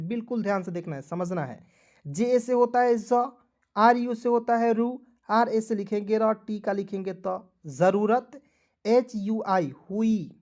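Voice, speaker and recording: A man's voice: high-pitched, darkish tone. Fields: sex: man. Style: spelling lesson. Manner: spells words letter by letter, often asking "ठीक है ना"; friendly, calls viewers friends. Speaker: English teacher.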